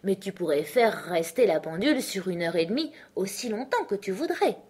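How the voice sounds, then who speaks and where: A woman voicing the mad male Hatter in a storybook reading, speaking high, loud and scornful. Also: lively intonation, moderate pace, slightly rough. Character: mad male Hatter, rude, fussy and contrary.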